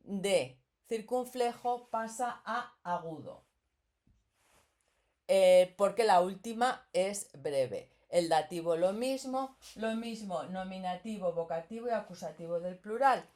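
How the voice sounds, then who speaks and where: A woman's voice: mid-range voice, animated, takes it slowly, a little mellow. A woman teaching a grammar lesson, explaining patiently and often checking in with the listener.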